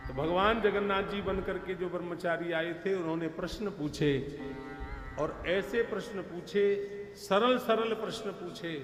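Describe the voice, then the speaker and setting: Male storyteller, high voice, echoey hall recording, music playing behind. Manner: sings verses, acts out dialogue. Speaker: kathavachak storyteller. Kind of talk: devotional katha with singing.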